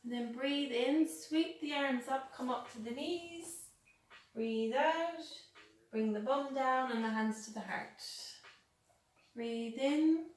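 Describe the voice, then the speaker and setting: A woman leading a guided yoga class in a calm, soothing, unhurried manner. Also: high-pitched. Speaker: yoga instructor. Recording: echoey room, distant mic, faint music.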